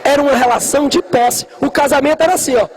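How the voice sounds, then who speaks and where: A man in his thirties teaches a classroom, his voice sitting high for a man. He jokes with the students and acts out small scenes as he goes. A faint room noise runs under the recording. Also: fairly even intonation, fast talker, rough recording. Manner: jokey, talks straight to students, acts out little scenes. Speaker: history teacher. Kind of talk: lively classroom lecture.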